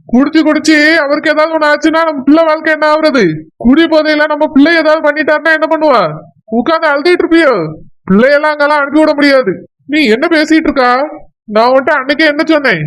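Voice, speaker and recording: A fast, scolding village father with a Kanyakumari accent, as a woman plays him. The voice sits high for a man and rushes through indignant questions. It has the feel of a cartoon village story. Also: steady tone, lightly acted. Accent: Kanyakumari Tamil. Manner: indignant, scolding, rapid retorts. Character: stern protective village father, middle-aged.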